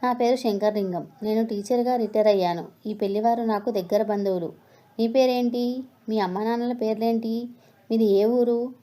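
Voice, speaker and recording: A woman voicing an elderly retired male schoolteacher who lectures in a stern, moralizing way, in a mellow voice. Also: fairly high pitch, fairly even intonation, normal speed, natural voice. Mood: questioning. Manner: lecturing, preachy.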